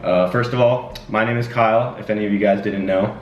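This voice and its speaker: A twenty-year-old channel host chats through a casual Q&A at home, rambling in a relaxed way with lots of fillers. He talks briskly in a voice on the low side, his intonation fairly even. Slight background noise, room echo, and a distant, dull mic mark the recording.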